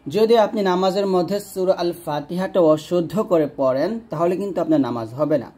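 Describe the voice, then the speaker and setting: A man teaches Quran recitation, his voice sitting a little high for a man. He explains each sound patiently and stretches the recited words out slowly so every letter can be heard. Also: warm tone. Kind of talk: instructional lesson with recitation.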